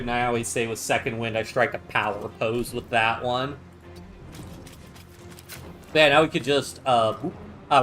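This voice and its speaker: A man streaming a game, chatting casually and thinking out loud about his moves, with game music behind. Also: mid-range voice. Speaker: gaming streamer. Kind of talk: casual gameplay commentary.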